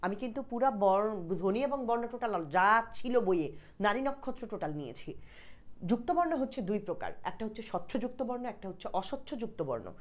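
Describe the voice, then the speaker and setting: A woman's voice: on the high side, sing-song, fast talker, darkish tone. Woman teaching an exam-prep grammar lesson. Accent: Bangladeshi Bengali. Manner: explains patiently, repeats points, asks checking questions.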